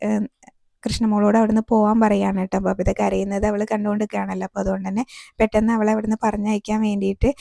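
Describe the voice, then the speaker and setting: A woman reviewer casually retelling a TV serial episode, scene by scene, with frequent soft tag words. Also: medium pitch, creaky, no echo, studio quality.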